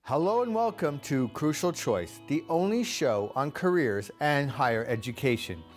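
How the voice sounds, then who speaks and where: A man's voice: on the high side, animated, normal speed. A man hosting a TV talk show, presenting in a scripted, upbeat way and then asking questions more casually. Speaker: show host. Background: faint background music.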